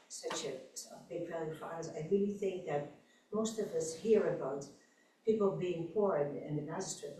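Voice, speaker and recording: Low mellow woman talking earnestly at church, big echo, faint hiss. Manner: earnest, reflective. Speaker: congregation member sharing. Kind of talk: casual group sharing. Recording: echoey hall, far mic, faint noise.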